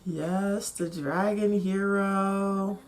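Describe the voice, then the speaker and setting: A woman's voice: mid-range voice, fairly even intonation, drawn-out words, a little hiss or hum. A woman giving spontaneous, casual reaction commentary as she watches, with a slight lisp from a retainer. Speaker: host of an anime reaction channel.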